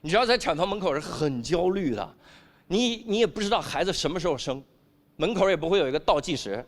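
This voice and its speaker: A man performing a stand-up comedy routine on stage, animated and acting out the voices he quotes. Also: a little high, fast. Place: comedy stage before a live audience.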